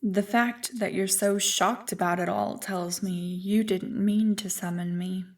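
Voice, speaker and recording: A woman voices an ancient evil spirit in an ASMR roleplay, her medium-pitched feminine voice natural and fairly even as she speaks slowly and deliberately from far from the mic. Amused and condescending, she teases and taunts with seductive, smug condescension.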